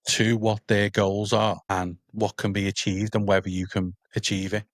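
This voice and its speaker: Low-voiced podcast host, conversational. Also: male voice, little pitch movement, moderate pace, no room sound, studio quality. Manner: conversational, often checks in with listeners.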